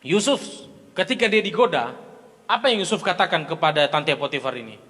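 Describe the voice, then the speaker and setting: High, bright-voiced male preacher in a hall. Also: animated, a little fast. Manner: emphatic preaching, swinging from loud to soft. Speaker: pastor. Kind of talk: sermon. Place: large church hall.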